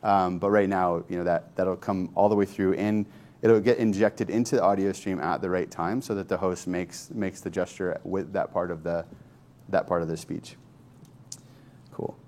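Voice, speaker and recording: A man casually demonstrating software on screen, thinking aloud in a loose, conversational way. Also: sits low, fairly even intonation, normal speed, a little hiss or hum. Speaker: software developer demoing a tool. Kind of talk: informal screen-share tech demo.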